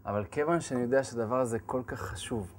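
A man, a rabbi, giving a humorous sermon, acting out scenes with laughter and shouted lines. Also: mid-range voice, slight background noise.

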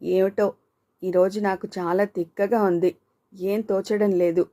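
A woman's voice: mid-range voice, level tone, a little slow, dark tone, natural voice. A woman voicing Jyothi, a talkative, teasing young woman with a car, in playful banter.

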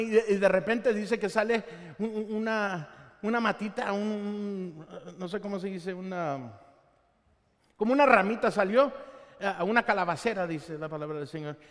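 A male pastor delivering a sermon during a live church service, telling Bible stories in an animated way and acting out what the characters say. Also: high-pitched. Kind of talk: Spanish-language sermon. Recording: long reverb of a church hall.

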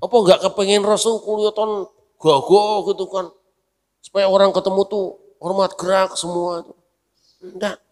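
A man preaching a mosque sermon as a kyai, telling stories lively and acting out the voices in them while joking with the congregation. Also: high-pitched, moderate pace, long pauses. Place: mosque hall. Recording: long reverb of a mosque hall.

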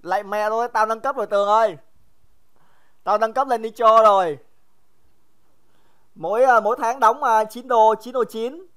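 A young man with a smooth, fairly high and slightly bright voice leads a casual math review on a livestream. He's chatty and joking, teasing students by name and often repeating himself.

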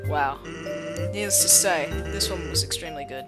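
A man's voice: a little high, brisk, lightly acted. Sans, a man doing a lazy joking skeleton. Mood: warm. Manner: easygoing, drawling joke-teller. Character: laid-back male skeleton sentry, joking. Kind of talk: reading game dialogue aloud. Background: game music.

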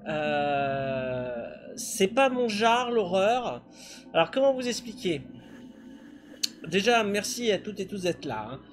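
High-voiced man streaming, music behind. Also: big pitch swings, slow. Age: middle-aged. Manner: rambling, self-deprecating. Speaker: game streamer. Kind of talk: casual live-stream chat. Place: indoor home streaming setup.

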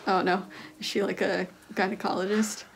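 A woman's voice: medium pitch, flat delivery, normal speed, gravelly. A young adult woman giving short, casual reactions as a video host in a small room. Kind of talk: casual, brief reactions to a TV show.

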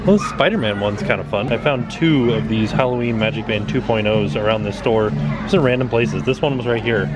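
A man's voice: lowish voice, brisk, loud music behind the voice. A man in his thirties, a vlogger, chatting upbeat about prices while browsing a busy store on a handheld camera. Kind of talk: casual vlog narration. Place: busy outlet store and parking lot.

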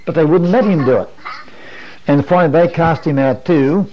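A man's voice: a little high, moderate pace. A man in his sixties teaching a Bible study in a sermon style, earnest and explanatory, asking rhetorical questions, in a wood-panelled meeting room. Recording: dull lo-fi 1980s video recording.

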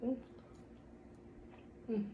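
A woman's voice: drawn-out words, lo-fi sound. A woman vlogger talking casually while chewing her food during a mukbang. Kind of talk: casual chat while eating. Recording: echoey room with faint noise.

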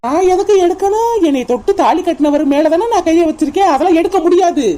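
A woman's voice: extremely high pitch, fast, warm tone. A woman voicing a clingy young wife in a cartoon, pleading with her husband in Kanyakumari Tamil. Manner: pleading, playful. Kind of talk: cartoon voice acting.

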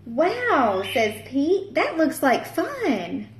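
A teacher in her thirties reads a children's picture book aloud slowly and patiently, her high voice swooping wildly up and down as she performs playful character voices. A camera at table distance captures her in an echoey room with a noisy background.

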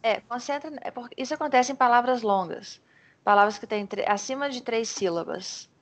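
A Brazilian woman teaching English over a video call, modeling words slowly and encouraging her student. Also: on the high side. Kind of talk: online pronunciation lesson in Portuguese.

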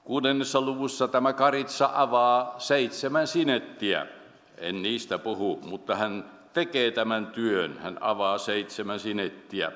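Solemn low-voiced preacher in a reverberant church. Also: male voice, a bit bright. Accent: Finnish. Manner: solemn, measured preaching that slows on quoted scripture. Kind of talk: sermon. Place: church sanctuary. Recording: long church hall reverb.

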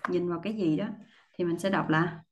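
A woman teaching English pronunciation, explaining patiently step by step and repeating model words, often clearing her throat. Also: fairly low pitch, normal speed, a little hiss or hum. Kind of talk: pronunciation lesson.

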